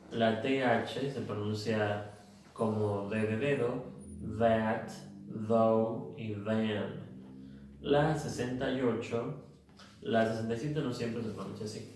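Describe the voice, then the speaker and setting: A man teaching English pronunciation in a slow, methodical way, drilling word lists one by one. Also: on the low side, fairly even intonation, darkish tone, slight background noise. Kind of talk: recorded phonics lesson. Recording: echoey room, mic far off.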